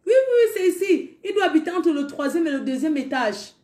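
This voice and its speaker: A woman's voice: very high-pitched, big pitch swings, brisk, a little mellow, roomy sound, voice pushed up. A woman putting on the voice of an older neighbor woman who insists and repeats herself eagerly.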